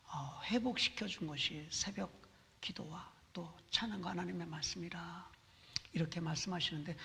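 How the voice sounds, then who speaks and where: A man's voice: high-pitched, vocal fry, a bit bright. A man hosting a church interview, preacherly, with frequent affirming interjections, in an echoey hall. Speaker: church talk show host.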